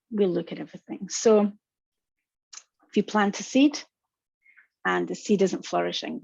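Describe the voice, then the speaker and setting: This is a webinar given by a female counsellor whose strong Scottish accent carries a fairly low, gravelly, husky tone. She talks to her audience directly, warm and reassuring. Captured in dull, dry lo-fi audio with no room sound.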